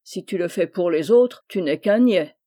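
Idle middle-aged barfly, read by a woman, calm and even, resigned, dark mellow tone, audiobook story. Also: fairly low pitch, normal speed. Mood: weary, resigned. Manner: calm, even, world-weary delivery.

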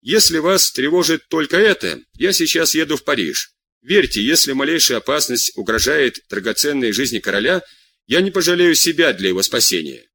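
A man's voice: on the high side, expressive, a little fast, sharp tone, slight background noise, voice pushed up. A man reading an insistent jealous young count. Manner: pressing, insistent.

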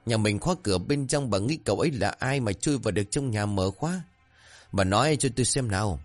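A man playing a stern, worried old village husband who speaks gruffly. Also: lowish voice, expressive, quick pace, natural voice. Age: older. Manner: gruff, scolding.

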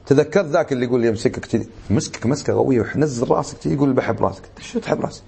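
Fast-talking husky sheikh giving a lesson. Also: male voice, mid-range voice. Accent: Kuwaiti Arabic. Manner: animated storytelling, acts out quoted people. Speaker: sheikh teaching a book. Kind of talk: religious lesson, colloquial Gulf Arabic.

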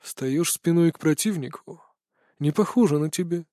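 A man voicing a cold, calm ancient male god of death who speaks unhurried and mocking. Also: medium pitch, dry recording, clean studio sound, natural voice.

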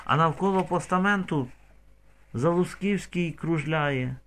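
A man's voice: a little high, a little slow, fairly bright tone. A man narrating a novel as an audiobook, telling the story expressively with vivid shifts in tone.

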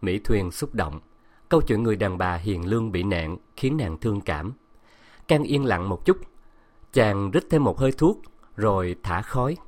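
A man narrating a story in a steady, measured reading voice. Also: on the low side. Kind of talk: scripted audiobook narration.

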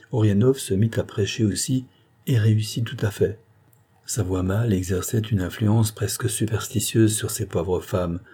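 A man reading a classic novel aloud in a calm, measured narration. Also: lowish voice, husky. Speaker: audiobook narrator. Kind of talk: scripted narration.

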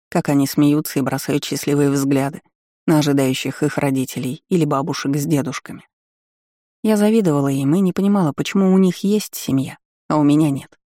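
A man reading a first-person audiobook in measured, even storytelling. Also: a little high, no room sound, clean studio sound. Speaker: audiobook reader.

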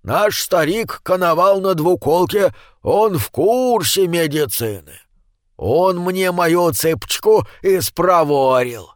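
A crafty old uncle who teases and drawls, as a man reading a story puts him on. The voice swings widely in pitch. It is recorded close and dry. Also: lively intonation, takes it slowly, dry recording. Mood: teasing. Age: older. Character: sly, teasing old male uncle.

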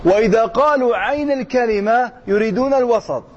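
A man teaching grammar, reading a text slowly and then explaining it while quizzing his listeners. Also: very high voice. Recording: dull lo-fi sound with faint noise.

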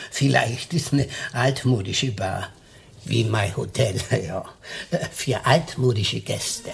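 An actor playing an old, shriveled, hard-of-hearing hotel porter who rambles and stammers evasively in a radio drama. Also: male voice, fairly low pitch, slow pace, creaky, exaggerated voice. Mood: evasive mumbling. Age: older.

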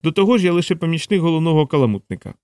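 A man voicing a sharp-tongued young woman in an audiobook, playful and mocking. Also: a little high, sing-song, very fast, dry recording, clean studio sound, voice pushed up. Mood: teasing.

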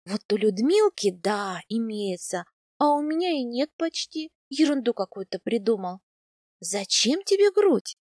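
A woman narrating a first-person audiobook in a lively, expressive reading voice. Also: fairly high pitch, moderate pace, no room sound, clean studio sound. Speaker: audiobook reader.

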